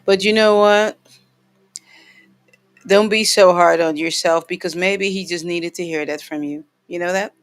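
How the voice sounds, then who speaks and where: A woman's voice: on the low side, steady tone, a little slow, faint music behind. Reassuring woman healer with frequent laughs. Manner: reassuring, laughs often, repeats phrases for emphasis. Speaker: sound healer hosting a live session. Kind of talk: live spiritual counseling chat.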